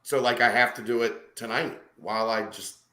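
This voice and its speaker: A man co-hosting a casual sports podcast, with a bright, forceful tone and dry, deadpan asides. His voice carries a roomy echo, as if he sits in a bare room on a call. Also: mid-range voice, normal speed. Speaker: podcast co-host.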